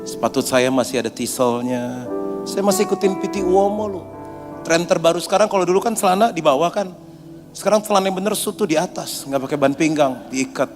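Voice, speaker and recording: A man's voice: fairly high pitch, brisk, in a large hall, over music. A man preaching a sermon as a pastor, telling funny anecdotes with slangy asides.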